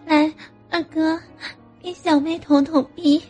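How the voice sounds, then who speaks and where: A woman's voice: high voice, little pitch movement, takes it slowly, dark tone, faint music behind, voice pushed up. A woman voicing a playful young adult younger sister with a coy, whiny teasing tone.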